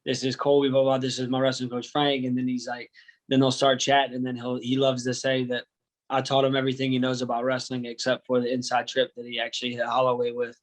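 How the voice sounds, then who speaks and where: A fast-talking American man who coaches wrestling is the guest in a casual interview. His mid-range voice stays monotone, while his manner is laid-back, joking, and full of slang.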